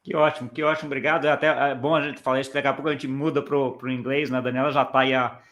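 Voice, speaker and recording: A man's voice: mid-range voice, little pitch movement, racing, fairly bright tone. Man hosting an interview. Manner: friendly, tag questions, frequent restarts. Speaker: interview host.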